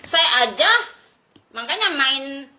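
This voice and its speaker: A woman's voice: high voice, lively intonation, slow, bright, forceful tone, echoey room. A woman from Indonesia in an angry livestream rant, brash and mocking, who swears freely and laughs scornfully.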